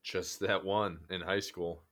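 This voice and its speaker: A man's voice: sits low, steady tone, slow pace, a bit bright. A young man co-hosting a casual podcast, laid-back and laughing often. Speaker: podcast co-host. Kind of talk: casual chat.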